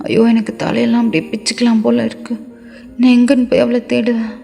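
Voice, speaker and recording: A woman's voice: on the high side, level tone, quick pace, gravelly, mellow, soft background music. Woman voicing a weeping, pleading young husband. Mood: anguished. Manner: tearful begging. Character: young husband, remorseful, pleading, hot-tempered.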